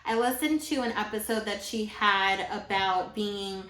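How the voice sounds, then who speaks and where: A woman's voice: medium pitch, steady tone, measured pace, a bit bright. A woman co-hosting an investing podcast, chatting with upbeat enthusiasm. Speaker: podcast co-host. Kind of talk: casual podcast chat. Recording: roomy echo.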